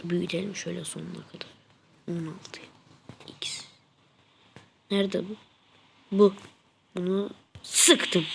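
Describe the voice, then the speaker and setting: Stuffy-nosed woman yelling through a gameplay session. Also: fairly low pitch, vocal fry, background noise. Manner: excitable, muttering then yelling at the game. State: congested with flu, blocked nose. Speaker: gaming channel host. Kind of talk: casual gameplay commentary.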